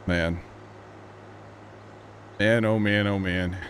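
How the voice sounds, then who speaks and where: Streaming a farming game, this thirty-something man from Missouri teases his friends and jokes around in a filler-heavy, chatty way. He speaks extremely slowly in a lowish, steady, slightly bright voice, with faint background noise.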